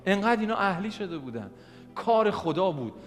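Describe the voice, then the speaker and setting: A man preaching a sermon as pastor, animated and rising to emphatic peaks. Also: high voice, long reverb tail, soft background music. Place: church hall.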